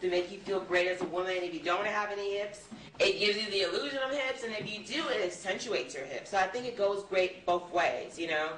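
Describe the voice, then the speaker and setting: A woman's voice: medium pitch, fairly quick, fairly bright tone. Sassy, emphatic woman in a roomy space. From Liberia. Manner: emphatic and sassy, playful rhetorical asides. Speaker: fashion designer. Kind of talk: lively self-promoting pitch. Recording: roomy, distant mic, faint background noise.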